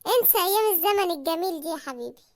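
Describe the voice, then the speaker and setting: A woman's voice: extremely high pitch, lively intonation. A woman voicing a nagging, thrifty housewife in a cartoon, with an Egyptian accent and a sarcastic, scolding manner. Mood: mocking. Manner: scolding, sarcastic, quick retorts. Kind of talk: cartoon comedy voice acting.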